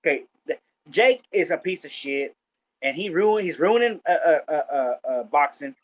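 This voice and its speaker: A man's voice: fairly high pitch, lively intonation, moderate pace. A man co-hosting a casual talk show, rambling through stories with lots of fillers and restarts. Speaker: podcast co-host. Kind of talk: casual chat. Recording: dull lo-fi sound.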